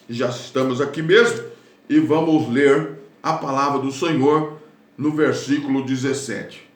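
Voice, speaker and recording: Homem pregando devagar, com eco. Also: male voice, on the high side, roomy sound. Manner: slow, emphatic preaching with frequent "louvado seja Deus". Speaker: preacher. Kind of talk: sermon with Bible reading.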